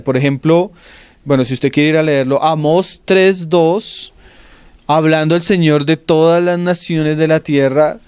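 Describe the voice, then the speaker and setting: A Colombian man in middle age teaches scripture in a slow, deliberate sermon. His voice sits high and sounds smooth and resonant, recorded close and dry with no room around it. He checks in with his listeners often and lets the ends of phrases sink into a whisper. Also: darkish tone, dry recording. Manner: addresses listener as "hermano", asks "¿sí?" checks, trails off into whispered endings. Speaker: preacher. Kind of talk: expository Bible teaching.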